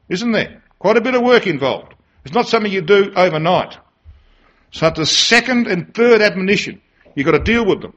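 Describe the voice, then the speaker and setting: A male preacher with a fairly high, lively voice that swings up and down as he stresses each point. He talks emphatically and keeps turning statements into rhetorical questions. The recording sounds dull and lo-fi. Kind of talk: sermon.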